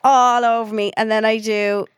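A woman's voice: fairly high pitch, flat delivery, moderate pace, smooth, no echo. Dublin-accented woman, casual podcast banter. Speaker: podcast co-host.

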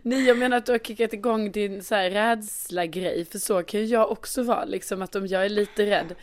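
A woman in casual chat, responsive and quick when explaining. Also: mid-range voice, fairly even intonation, no echo, studio quality.

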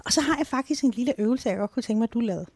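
A woman co-hosting a podcast, explaining mood psychology in a lively, talkative way, often ending with tag questions. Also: a little high, no echo, clean studio sound. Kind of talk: casual explanatory chat.

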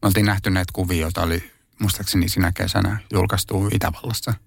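Gravelly, husky Finnish activist man. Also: low-pitched, little pitch movement, no echo, studio quality. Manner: thoughtful, hesitant, many fillers and restarts. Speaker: animal rights activist. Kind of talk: conversational interview answers.

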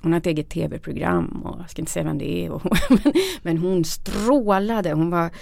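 A middle-aged woman shares her story in a frank, emotional way. Her voice sits low with a gravelly edge. The recording is close and dry, with no room sound. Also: steady tone, warm tone, no echo. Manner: frank, emotional, acts out quoted dialogue. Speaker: interview guest. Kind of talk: candid personal storytelling.

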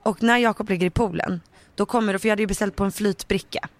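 A woman co-hosting a chat podcast, telling a story with lots of quoted asides and laughter. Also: mid-range voice. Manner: animated, quotes herself with "jag bara", laughs often. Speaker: podcast co-host.

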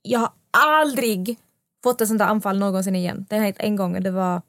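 A young woman hosting a casual podcast, telling a story with lively quoted dialogue. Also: mid-range voice, no room sound, clean studio sound. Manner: animated storytelling, acting out quotes. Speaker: podcast host.

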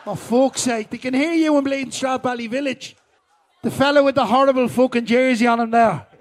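A middle-aged man with a Dublin accent and a strikingly high voice. He talks in casual live banter, blunt, teasing and full of swearing. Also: a little fast. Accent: Dublin, Irish. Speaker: speaker on stage at a live podcast. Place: live podcast show at a festival.

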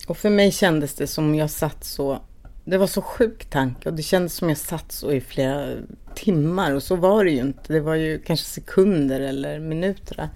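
A middle-aged woman gives personal testimony in a hesitant, soft-spoken way, often pausing and starting her sentences over. Her voice sits low and has a gravelly, creaky edge. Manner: halting, soft-spoken, with pauses and restarts. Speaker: interviewee, bereaved mother. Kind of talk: personal testimony in a documentary podcast.

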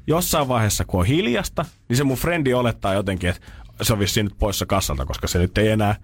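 A man's voice: on the low side, no echo. A male radio morning show host telling a funny everyday story in casual chat, laughing often.

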